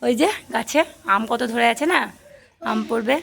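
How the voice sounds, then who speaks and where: A hoarse woman filming a casual home vlog, coaxing and chatting with her small child. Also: fairly high pitch, unhurried, fairly bright tone, a little hiss or hum. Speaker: mother and vlogger. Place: indoors at home.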